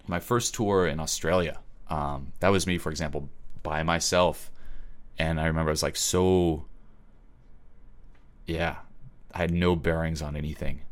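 In a rumbling low voice, a Swiss man gives a blunt motivational webinar talk with lots of emphasis. He swears without restraint and regularly checks in with "okay?".

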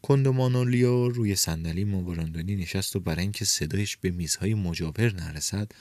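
Male narrator, deep register, dry close mic, reads a novel and voices its characters. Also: no echo. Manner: reads dialogue with raised pitch and shouts for characters. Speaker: audiobook narrator. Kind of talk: scripted narration with voiced dialogue.

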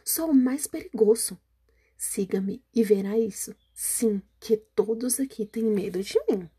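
A woman voicing a small, clever, boastful male mouse in a storybook reading, with a breathy voice. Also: medium pitch, measured pace, warm tone. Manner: boastful, cheeky.

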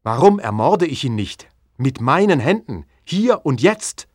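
A man's voice: medium pitch, big pitch swings, a little slow, a little mellow, no echo, clean studio sound. A man playing a horrified, indignant scientist who narrates his own tale in a storybook audio drama. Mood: agitated.

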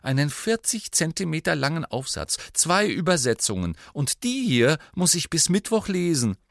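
A man's voice: on the high side, big pitch swings, a little slow, vocal fry, pushed and bright, no echo, clean studio sound, pitched above the performer's own voice, heavily acted. A man voicing an anxious, studious teenage girl who sounds fretful. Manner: raised, fretful.

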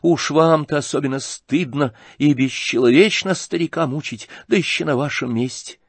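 A man voicing a distressed, gentle middle-aged mother who reproaches and pleads. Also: fairly high pitch, normal speed, husky, no room sound, voice pushed up. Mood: reproachful.

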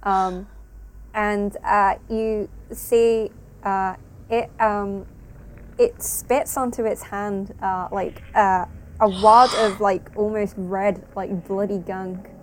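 A woman game master narrating a tabletop game, descriptive and halting, with many fillers. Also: mid-range voice, steady tone, slight background noise.

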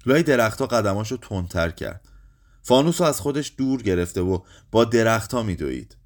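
A man reading a short story aloud, lively, raising his voice for the quoted lines. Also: fairly low pitch. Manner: lively, acts out quoted speech with raised voice.

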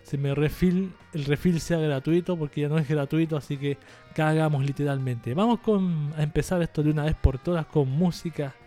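This man's voice is on the high side with a dark tone and a moderate pace, and faint music plays behind him. Hosting a podcast, he jokes, rambles and teases himself in a casual monologue while aiming for a lighter, less forced voice than before.

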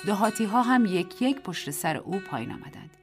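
Woman narrating a radio story, lively. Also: medium pitch, faint music behind. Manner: measured literary reading with lively, dramatic intonation. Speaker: narrator and host. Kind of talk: scripted narration of a short story.

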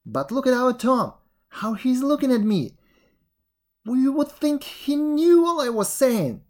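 A woman reading aloud and voicing an excitable male village sexton who tells an eerie tale with rising wonder. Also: measured pace. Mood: excited, eerie. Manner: breathless storytelling, rising pitch, wondering. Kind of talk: storybook reading.

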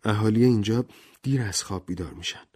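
A man's voice: fairly low pitch, a little mellow, breathy edge. A man voicing a tense, uneasy young woman who speaks in short, brief phrases.

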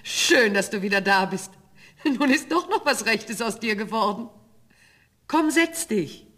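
A woman's voice: fairly high pitch, expressive, measured pace, a bit bright. An actress playing a farmer's wife, the caring and fussing mother of a giant son, in a radio play. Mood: warm. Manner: fussing and homely.

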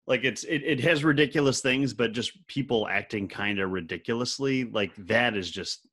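A man's voice: medium pitch, normal speed. A man co-hosting a podcast, telling rambling stories in casual chat. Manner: rambling, animated storytelling. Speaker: podcast co-host.

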